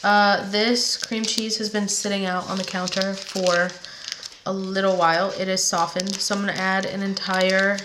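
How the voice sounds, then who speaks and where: Recorded in an echoey home kitchen with faint noise in the background, a woman hosts her cooking vlog at normal speed. Her medium-pitched voice is flat in delivery and nasal because she's getting over a head cold. She chats casually, rambling a bit and using lots of fillers in a relaxed manner.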